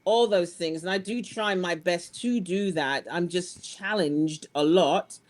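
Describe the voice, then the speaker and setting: A woman's voice: fairly low pitch, measured pace. A middle-aged woman from England with a London accent, speaking as a guest in a frank conversational interview, telling her story earnestly and with animation, often restarting her sentences. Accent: London English.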